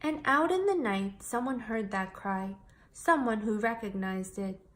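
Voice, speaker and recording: In an unhurried, fairly high voice, a woman reads a kids' picture book aloud with expressive storytelling.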